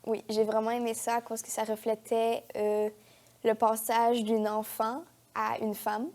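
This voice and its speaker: With a fairly high yet darkish voice, a teenage Quebecoise actress talks at a measured pace and with completely flat delivery. She's a guest in a casual TV studio interview, her informal, youthful phrasing sprinkled with "genre" and "comme."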